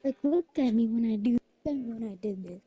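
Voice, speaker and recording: A woman chatting excitedly while playing a football video game, slangy and boastful about her plays. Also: on the high side, quick pace, husky, lo-fi sound, soft background music. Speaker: gamer. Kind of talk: casual gaming chat.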